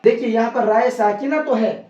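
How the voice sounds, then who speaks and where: Tajweed teacher, slow letter-by-letter spelling, repetitive patient explaining, roomy distant recording, muffled sound. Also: mid-range voice, a little mellow. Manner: spells out letters and vowel marks slowly, then repeats the joined word; patient, repetitive explaining with frequent rhetorical questions. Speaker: Quran recitation teacher. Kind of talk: slow step-by-step tajweed lesson.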